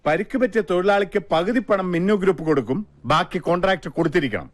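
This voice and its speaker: A stern middle-aged company boss who gives curt orders. His voice is slightly high and recorded dry and close. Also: animated, quick pace, dry recording. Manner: curt, commanding.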